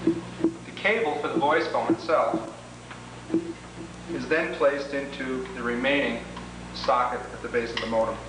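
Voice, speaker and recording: A man of average pitch narrates a homemade 1980s training video as a product demonstrator and instructor, explaining procedures methodically and formally, step by step. He is unhurried, with long pauses. The audio is very reverberant and distant, with clear background noise.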